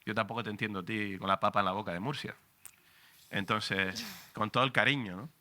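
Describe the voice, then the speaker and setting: A man's voice: on the low side, fairly even intonation, a little fast, sharp tone. A man in his forties with a Canarian Spanish accent, speaking passionately as a journalist on a panel at a book presentation. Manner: passionate, emphatic, frank and profane. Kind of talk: public talk at a book presentation.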